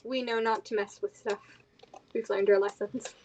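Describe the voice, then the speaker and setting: A woman's voice: mid-range voice, fairly even intonation, moderate pace, dull audio, a crowd in the background. A woman chatting casually as a player in a tabletop role-playing game.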